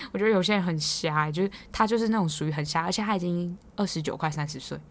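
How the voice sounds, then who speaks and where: A young woman with a Taiwanese Mandarin accent, hosting a podcast and telling stories in a chatty, teasing way, quick to laugh. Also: on the low side. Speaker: podcast host. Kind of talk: casual storytelling monologue.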